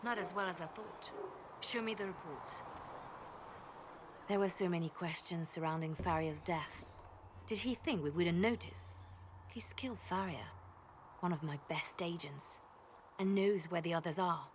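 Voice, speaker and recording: A woman's voice: fairly low pitch, a little slow, pauses often, slight background noise, lightly acted. A woman voicing a cold ruthless spymaster. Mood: stern. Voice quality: clipped, commanding, hushed. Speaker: spymaster character in a video game.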